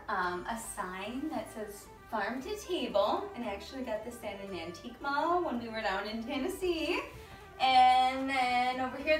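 A home decor vlogger in her thirties gives a chatty, gushing house tour of the living and dining rooms, her voice high-pitched and fairly bright. The camera sits a few metres away, so the sound is roomy and distant, with music behind her.

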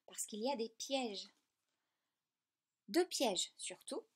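A woman teaching a lesson in a clear, patient, step-by-step way. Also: fairly high pitch, lively intonation, slow pace. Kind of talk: explanatory lesson.

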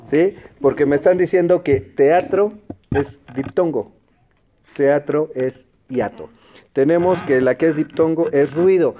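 Mexican quiz host, slightly higher male voice, patient and clear, dull lo-fi sound. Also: slight background noise. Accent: Mexican Spanish. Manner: clear, patient, repeats answer options slowly. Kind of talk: educational TV quiz hosting.

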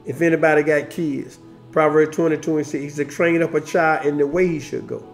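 A man with a high voice preaches in a call-and-response style. He is fervent and punctuates nearly every phrase with praise. Soft music sits under him. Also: steady tone, fairly quick, gravelly. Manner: fervent, repeats "praise God" between phrases. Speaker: minister.

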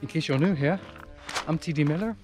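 A man's voice: a little high, brisk. A man in his thirties chatting casually to his action camera outdoors while jogging. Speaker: running vlogger, host. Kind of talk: casual vlog chat to camera. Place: outdoors on a forest trail. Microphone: action camera held at arm's length. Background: background music.

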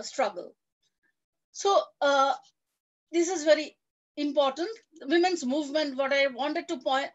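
A middle-aged woman giving an academic lecture, halting often with fillers and restarts. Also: high voice, a bit bright, lo-fi sound. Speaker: guest lecturer.

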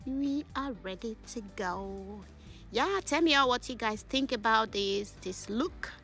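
A woman's voice: fairly high pitch, measured pace, a bit bright, soft background music. Chatty woman hosting a try-on haul vlog. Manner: chatty, often adds a questioning "okay?" at the end of phrases; enthusiastic about the clothes. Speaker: vlogger.

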